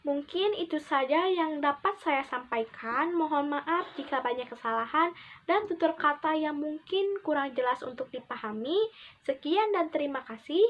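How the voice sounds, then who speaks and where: A young woman presenting a school history assignment, reading earnestly from notes with halting phrasing. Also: high voice, expressive. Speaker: student presenter. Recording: dull lo-fi recording with faint hiss.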